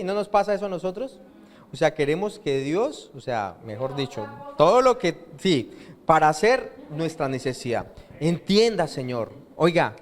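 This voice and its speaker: A male pastor preaching a sermon and often pausing to ask the congregation to fill in words. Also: fairly high pitch. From Colombia. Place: church hall. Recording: reverberant church hall.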